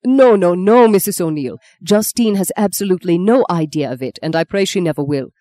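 A woman reading as a composed gentleman, firm and measured, speaking with quiet courtesy. Her voice stays lowish and mellow, recorded dry and close. It is a spoken storybook. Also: lightly acted.

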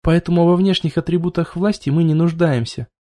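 A proud young vampire queen from a storybook, cool and matter-of-fact, speaking without any emotion, as a man reads her. The voice sits fairly high but stays dark and mellow. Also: a little fast, lightly acted. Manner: flat, unemotional, matter-of-fact.

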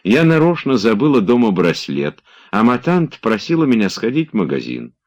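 A man voicing a playful, teasing young woman in an audiobook, in a lifted, lively voice. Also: lowish voice, normal speed, lo-fi sound, voice pushed up, heavily acted.

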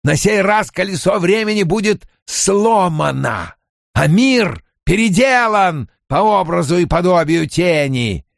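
A male narrator voicing a menacing ancient dark lord who speaks in gravelly, drawn-out, taunting threats. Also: high voice, expressive, no room sound, studio quality, pitched above the performer's own voice, exaggerated voice. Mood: mocking. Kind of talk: audiobook character voice.

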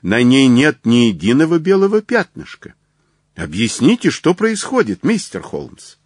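A male reader doing a proud, hot-tempered older colonel from an audiobook tale. His voice is fairly low and swings up and down as he demands answers. The sound is close and dry. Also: sing-song, measured pace, no room sound, full character voice. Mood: indignant. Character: agitated aristocratic racehorse-owning colonel, older man.

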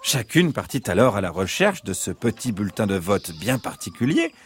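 A man narrating a children's bedtime story in an expressive storytelling way. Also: on the low side, normal speed, slight background noise.

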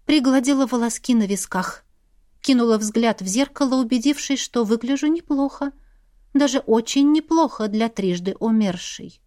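A woman reading a fantasy audiobook in first-person narration, calm and expressive. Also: a little high, normal speed, no echo, clean studio sound.

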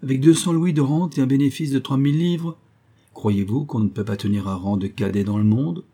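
Man voicing a mysterious stranger, sinister, commanding, raised husky voice. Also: medium pitch, fairly quick, dark tone, pitched above the performer's own voice. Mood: insistent. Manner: insistent, menacing, controlled. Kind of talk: audiobook character voice.

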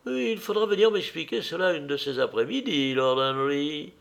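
A man's voice: a little high, lively intonation, normal speed, vocal fry, a bit bright. A man voicing a stately society lady who speaks in a polite, dignified way.

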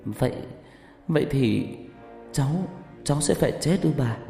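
A man's voice: mid-range voice, lively intonation, moderate pace, gravelly, mellow. A man voicing a terrified young woman who pleads and stammers. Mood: panicked pleading. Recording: reverberant hall with background music.

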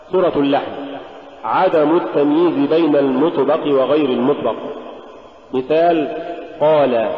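A man teaching Quran recitation in a slow, deliberate drill that sets correct pronunciation against wrong. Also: on the high side, reverberant, big-room sound, highs cut off. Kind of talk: recorded tajweed lesson.

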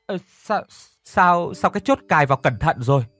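A man voicing a blunt, quick-tempered young male student who stammers and talks forcefully. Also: mid-range voice, lively intonation, no echo, soft background music. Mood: alarmed.

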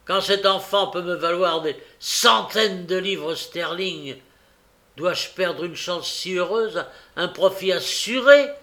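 A man reading a novel aloud and voicing a crafty, scheming old male thief who swings between soft coaxing and loud rage. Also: mid-range voice, lively intonation, slow, creaky, heavily acted. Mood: furious. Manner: shifts from wheedling murmurs to loud raging outbursts. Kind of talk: audiobook character reading.

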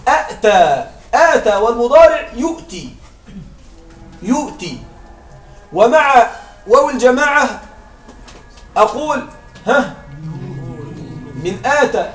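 High-voiced man teaching in an echoey room. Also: big pitch swings, slow pace, long pauses. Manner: drills examples, constantly checks understanding with questions. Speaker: Arabic morphology teacher. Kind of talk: classroom grammar lecture. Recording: echoey room, far from mic, faint music.

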